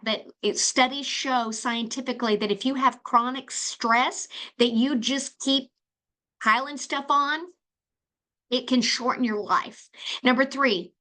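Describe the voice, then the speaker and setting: A middle-aged woman talks through her own solo podcast with a bright, forceful voice pitched a little high. She tells her story chattily, often restarting phrases and filling gaps with "um". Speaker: podcast host.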